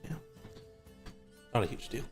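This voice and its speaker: A man running a tabletop role-playing session as game master, talking in a dry, unhurried, joking way. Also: soft background music.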